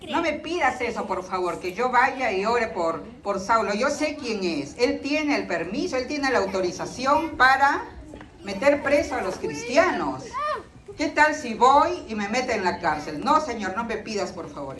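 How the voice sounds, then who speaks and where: A frightened, humble man begging to be let off, voiced by a woman telling a story. He pleads slowly and anxiously. The recording is distant and echoey, with a crowd behind. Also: a little high, big pitch swings. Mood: pleading. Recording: echoey room from far off.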